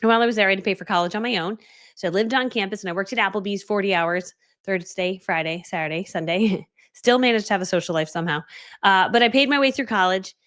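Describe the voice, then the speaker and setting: Fast-talking chatty woman from Connecticut. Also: medium pitch. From Connecticut, USA. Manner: chatty, animated, quoting herself, many "like" fillers. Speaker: business coach. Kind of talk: casual live-stream storytelling.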